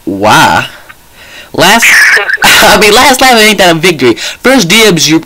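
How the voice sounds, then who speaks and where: Bright, rowdy young man hosting a podcast. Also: high-pitched, sing-song, takes it slowly, rough recording. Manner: rowdy, joking, slips into mock voices and quotes. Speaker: podcast co-host asking would-you-rather questions. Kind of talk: casual podcast chat.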